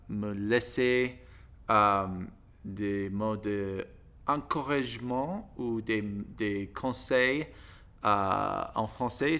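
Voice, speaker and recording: An American man, a native English speaker, talks in halting broken French with a clean, smooth voice on the low side. He goes slowly, searching for words and slipping on grammar in a casual learner's monologue. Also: bright, forceful tone. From United States. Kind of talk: casual monologue to camera in a second language.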